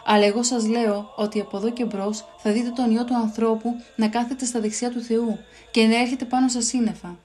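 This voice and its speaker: A woman reading a children's Bible story, voicing Jesus in a calm, solemn, measured way. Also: a little high, natural voice.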